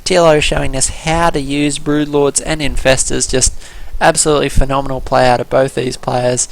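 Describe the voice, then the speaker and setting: A man with an Australian accent casting a strategy game match, excited and out of breath, tripping over words at times. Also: medium pitch, vocal fry, low-quality recording. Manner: excited, quick reactions, some stumbles. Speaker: game caster. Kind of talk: esports play-by-play commentary.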